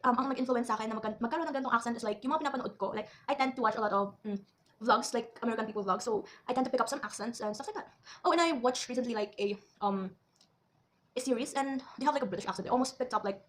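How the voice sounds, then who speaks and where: A woman's voice: fairly high pitch, a little hiss or hum. A young woman from the Philippines chatting casually while eating on camera, with teasing asides between bites. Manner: talks between bites, chewing. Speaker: food vlogger. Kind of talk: casual mukbang chat.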